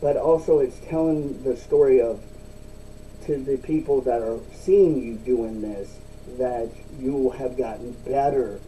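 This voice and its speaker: A man's voice: fairly even intonation, a little slow, warm tone. A man giving a casual, rambling solo vlog talk with chewing tobacco packed in his lip, using repetitive, emphatic phrasing. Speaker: video blogger. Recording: distant mic, faint rumbling background noise.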